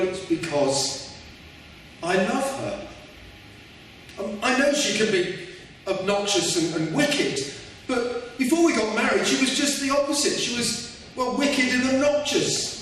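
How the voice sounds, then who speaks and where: Guy playing a meek henpecked panto husband, kinda high voice, faltering, far away in a hall. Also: expressive, measured pace, long pauses, fairly bright tone. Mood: wistful, resigned. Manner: hesitant, faltering. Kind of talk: amateur stage pantomime acting. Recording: echoey hall from far off, faint noise.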